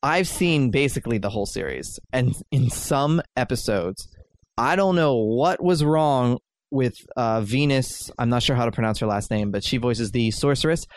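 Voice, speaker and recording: A man's voice: mid-range voice, lively intonation, moderate pace, dry recording. Chatty laughing man hosting a podcast. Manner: chatty, laughs often, many fillers. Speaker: podcast host. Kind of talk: casual chat.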